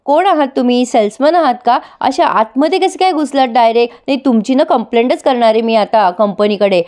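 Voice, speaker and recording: A woman voicing a sharp-tongued young woman who scolds a stranger rapidly. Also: a little high, natural voice. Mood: scolding.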